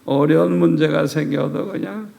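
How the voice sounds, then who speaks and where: Gravelly older male pastor preaching. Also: fairly high pitch, normal speed. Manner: animated storytelling, acting out prayers and quoted dialogue. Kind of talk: revival sermon.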